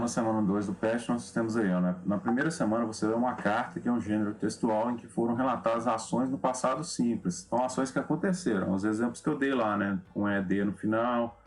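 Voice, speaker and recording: A man with a Brazilian Portuguese accent teaching an English grammar lesson in a loose, repetitive way, often checking in with "né?". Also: medium pitch. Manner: loose, repeats words, often adds "né?". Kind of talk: recorded lesson explaining grammar.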